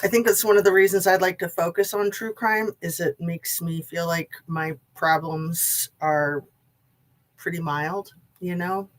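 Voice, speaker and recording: Low-voiced woman talking with braces. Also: steady tone, unhurried. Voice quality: speaking with braces and wax in the mouth, slightly impeded diction. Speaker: true crime YouTube live-stream host. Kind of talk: casual chat to viewers.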